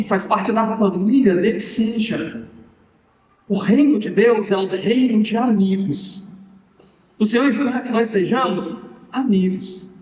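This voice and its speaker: A male pastor with a Brazilian Portuguese accent preaches with emphasis and asks rhetorical questions. His voice is fairly high for a man. It rings through a church hall with long reverb, picked up from a distance with a dull, muffled tone. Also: darkish tone. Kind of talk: sermon. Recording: echoey hall, distant mic, dull sound.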